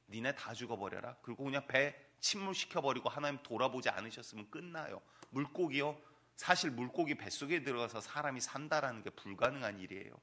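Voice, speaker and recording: A man's voice: mid-range voice, gravelly, pushed and bright. A man preaching a sermon as pastor in a church sanctuary, emphatic and full of rhetorical questions to his congregation.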